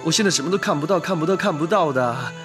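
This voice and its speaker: An actor playing a devoted, earnest young man who speaks softly and coaxingly, pleading with the woman he loves in a TV drama. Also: on the high side, expressive, fast talker, over music, natural voice. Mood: gentle. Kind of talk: TV drama dialogue. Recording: loud film score behind dialogue.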